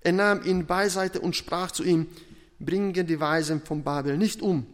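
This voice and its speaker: Slow, deliberate preacher in a reverberant hall. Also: male voice, fairly high pitch. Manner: slow, deliberate, with pauses and emphatic rises. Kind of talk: sermon with Bible reading.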